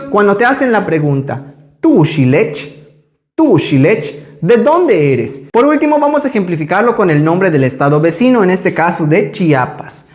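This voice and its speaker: A man teaching a language lesson, speaking slowly and carefully when he pronounces each example. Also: high voice. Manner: slow, careful pronunciation of examples. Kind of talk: scripted lesson.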